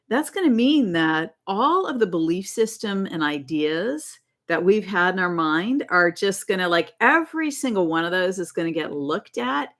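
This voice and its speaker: Low-voiced woman hosting a rambling spiritual livestream. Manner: rambling, self-correcting, laughs often. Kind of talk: casual live-stream talk.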